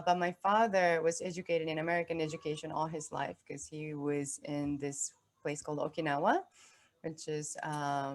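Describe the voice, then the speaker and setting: A woman from Japan giving a relaxed, personal webinar talk on a video call. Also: sits low. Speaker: webinar presenter. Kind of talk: casual presentation on a video call.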